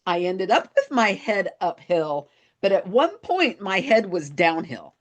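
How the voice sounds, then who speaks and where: Animated woman telling a story. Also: mid-range voice, a little slow. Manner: animated storytelling, laughs at herself. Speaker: podcast co-host. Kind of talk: casual chat.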